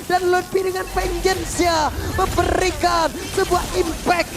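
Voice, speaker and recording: An esports commentator with an Indonesian accent, calling play-by-play urgently in an excited fighting game announcer style. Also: very high-pitched, measured pace. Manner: urgent, breathless running call of the action. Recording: loud music behind the voice. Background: loud music.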